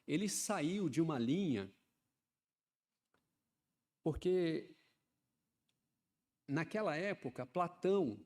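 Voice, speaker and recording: A man's voice: fairly high pitch, animated, slow, pauses often. Cearense preacher in his fifties. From Ceará, Brazil. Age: 50s. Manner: conversational preaching, often adds "né", builds to loud fervent emphasis. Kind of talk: sermon.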